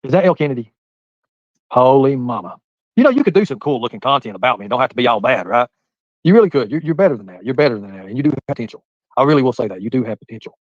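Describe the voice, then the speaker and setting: A man's voice: medium pitch, animated, rapid-fire, no room sound, dull audio. A man in his forties chatting on a live stream, rambling and talking straight to his viewers by name. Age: 40s. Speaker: livestreamer reading chat. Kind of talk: casual live-stream chat.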